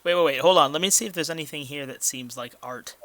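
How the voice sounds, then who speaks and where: A young Californian man playing a tabletop game, easygoing and quick to question the rules. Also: fairly high pitch, fairly bright tone. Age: young adult. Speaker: player. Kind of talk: casual chat around a tabletop game.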